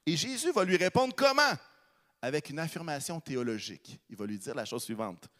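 Lively Québécois preacher with hall echo. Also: male voice, fairly high pitch, a little fast. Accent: Québécois French. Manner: animated, asks the audience questions. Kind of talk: conversational sermon with Bible reading. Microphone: microphone.

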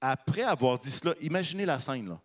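A man's voice: fairly high pitch, a little fast, big-room sound. A man with a Québécois accent preaching a conversational sermon into a microphone, reading scripture and asking the audience questions. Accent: Québécois French. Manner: animated, asks the audience questions.

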